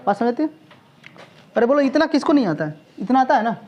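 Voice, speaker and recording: A man's voice: extremely high pitch, very animated, fairly quick, a little mellow. A male physics coaching teacher lecturing a class in a chatty, teasing manner, constantly checking whether students follow. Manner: teasing, chatty, peppers speech with "sir" and check questions.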